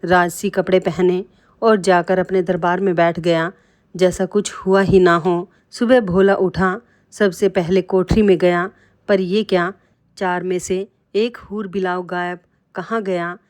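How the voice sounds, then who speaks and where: A woman with a low-set voice narrates a moral folk tale. Her delivery is scripted and steady, in the manner of a storyteller. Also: a little slow.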